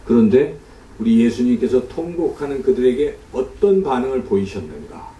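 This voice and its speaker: A man's voice: medium pitch, big pitch swings, moderate pace, dark tone, recorded from a distance, slight background noise. Male pastor preaching in an echoey hall. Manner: explains scripture with rhetorical questions to the congregation. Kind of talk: sermon. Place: church sanctuary.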